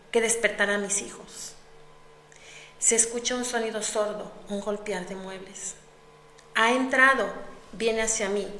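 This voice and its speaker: A woman's voice: medium pitch, a bit bright. Anguished woman reading a dramatic story. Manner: anguished, intense, theatrical. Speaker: narrator. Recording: roomy echo with long reverb, faint noise.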